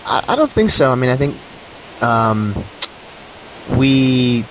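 A man who is a journalist guest answers interview questions, thinking aloud in a halting way with many restarts. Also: medium pitch, sing-song, a little hiss or hum, rough recording.

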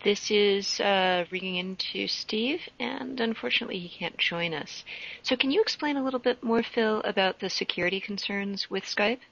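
A woman hosting a casual podcast over an internet voice call, friendly and halting, with many ums. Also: mid-range voice, vocal fry, a bit bright. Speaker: podcast host. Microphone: computer mic on a voice call. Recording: muffled lo-fi internet call audio.

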